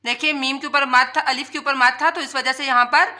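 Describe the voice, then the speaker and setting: A woman teaching Quran recitation word by word, spelling out letters and then chanting each word slowly and drawn out, with quick explanations in between. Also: sits high, steady tone, pushed and bright. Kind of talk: tajweed lesson, word by word.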